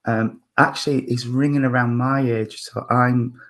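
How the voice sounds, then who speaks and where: A fifty-something man with a husky, mid-range voice offers a spiritualist mediumship reading in a halting manner, restarting and using fillers as he thinks aloud. His tone is steady and fairly bright.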